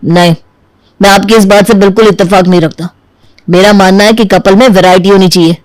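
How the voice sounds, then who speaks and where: A man's voice: high voice, fairly even intonation, a little fast, no echo, natural voice, poor audio. A man voicing a stubborn, argumentative young man in a cartoon who insists on a slim bride. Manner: whiny, argumentative. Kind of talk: Hindi cartoon dubbing.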